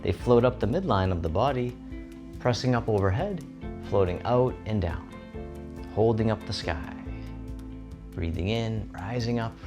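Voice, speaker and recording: Calm low voiced guy doing serene tai chi cues, gentle short phrases, music playing behind him. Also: a little slow, pauses often. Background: instrumental music.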